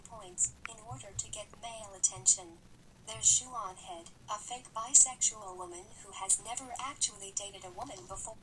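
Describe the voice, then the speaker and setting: A woman speaking through a robot text-to-speech voice in a flat, stiff synthetic delivery, played from a video clip. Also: medium pitch, moderate pace, background noise. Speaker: anonymous video poster.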